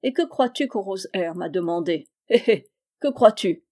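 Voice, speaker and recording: A woman's voice: mid-range voice, lively intonation, normal speed, mellow, natural voice. A woman playing a boisterous, mocking old-time sailor. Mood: teasing. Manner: laughing, sarcastic, boastful.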